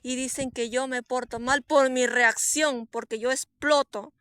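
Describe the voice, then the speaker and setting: A woman, a prophetess, giving an earnest, emotional personal testimony, swinging between soft and emphatic and repeating herself for emphasis. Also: high voice, fairly even intonation, unhurried, clean tone, no room sound. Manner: repetitive, with frequent restarts and fillers.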